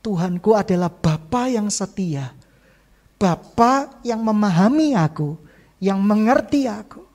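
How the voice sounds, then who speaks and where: A middle-aged male pastor preaching a sermon, emphatic, with sharp swings between loud and soft, slipping English phrases into his speech. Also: sits high. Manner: mixes English phrases into Indonesian.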